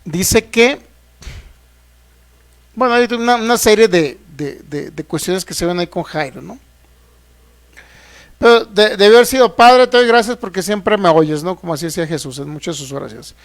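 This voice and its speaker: A man's voice: high-pitched, animated, normal speed, vocal fry, pauses often. A man, a pastor preaching a sermon who keeps asking the congregation rhetorical questions and acts out the voices he quotes. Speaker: pastor teaching a healing course.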